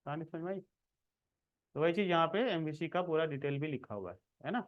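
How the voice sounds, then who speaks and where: A man's voice: fairly high pitch, a little fast, dull audio. A man giving a casual screen-recorded coding lesson, talking the viewer through each step and checking in often. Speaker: programming tutor.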